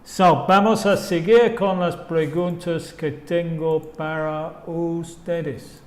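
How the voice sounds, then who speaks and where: A man's voice: a little high, fairly even intonation, slow, roomy sound. A man whose first language is English, teaching an online English lesson in Spanish and repeating example phrases to show rising and falling intonation.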